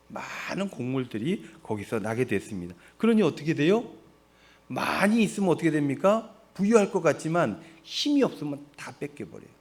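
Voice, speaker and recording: Korean pastor with a lively pitch. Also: male voice. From Seoul, South Korea. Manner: conversational, asks the congregation questions and answers them, laughs at his own jokes. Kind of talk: sermon.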